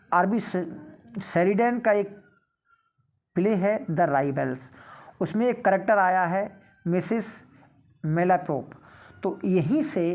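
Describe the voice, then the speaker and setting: A woman teacher with an Indian accent, slowly explaining exam questions in a lecture, reading each question aloud before explaining it. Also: fairly low pitch, darkish tone. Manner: slow, explanatory, reads questions in English then explains in Hindi.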